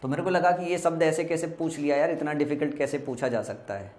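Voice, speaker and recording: Male teacher whose first language is Hindi, patient and repetitive, spells words aloud; voice a bit high, recorded in an echoey room. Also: fairly even intonation, a little mellow. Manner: explains slowly with repetition and spelled-out letters. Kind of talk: exam vocabulary lesson.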